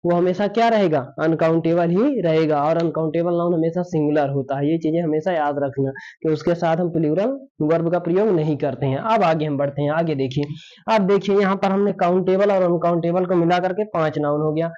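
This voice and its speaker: A man's voice: fairly high pitch, a little fast, mellow. A man teaches a grammar class, asking questions aloud and then answering them himself. He repeats his points in a patient classroom manner. The recording sounds dull and lo-fi. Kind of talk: classroom lesson explaining.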